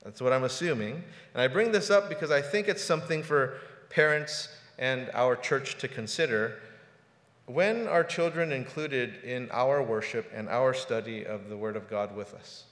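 Roomy hall reverb surrounds this male pastor in his forties as he preaches a sermon in a church sanctuary. His medium-pitched voice is a bit bright and moves at normal speed, and his casual, conversational style includes frequent word repetition.

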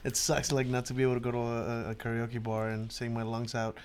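A man's voice: medium pitch, level tone, fast talker, clean tone. A man co-hosting a casual podcast, talking in a loose, rambling way with lots of restarts and the odd swear word. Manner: rambling, many restarts and fillers, swears freely. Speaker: podcast co-host.

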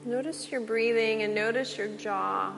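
Slow soft-spoken woman guiding yoga relaxation. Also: a little high, steady tone, creaky. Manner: slow, soft, soothing cues with long pauses. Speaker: yoga teacher. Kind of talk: guided relaxation instruction. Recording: long reverb with soft music.

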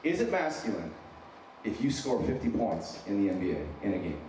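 This San Diego-born, Wyoming-raised American in his thirties has a lowish, darkish voice with a sing-song lilt, moving at a moderate pace. His accent carries a slight Minnesotan touch as he gives a conversational sermon, informal, earnest and self-deprecating, repeating phrases for emphasis. A distant mic picks him up in a large, very echoey, noisy hall with an audience.

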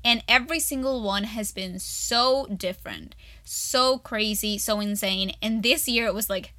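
A woman's voice: medium pitch, a little slow, sharp tone, no echo. A young woman co-hosting a student podcast, chatting in a bubbly, gushing way full of fillers. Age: young adult. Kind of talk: casual chat.

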